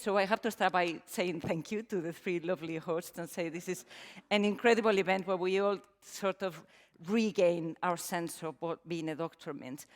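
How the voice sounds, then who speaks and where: A middle-aged woman from Spain, speaking with a Spanish accent and a mid-range voice, presents a talk to a conference audience. She is warm and self-deprecating, with many ums and restarts. Her stage mic picks up the long reverb of a large hall trailing behind her words.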